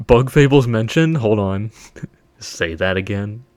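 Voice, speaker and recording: A man's voice: fairly low pitch, slow pace, a little mellow, no room sound, soft background music. A man casually chatting while streaming a video game, loose and sweary with frequent laughs. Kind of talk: casual gameplay livestream chat.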